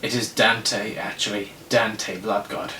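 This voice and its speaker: A man voicing a smug male hotel receptionist with a slight Irish twang, slow and insinuating. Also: fairly low pitch, level tone, a bit bright, roomy sound, far from the mic, a little hiss or hum, natural voice, poor audio. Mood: sly.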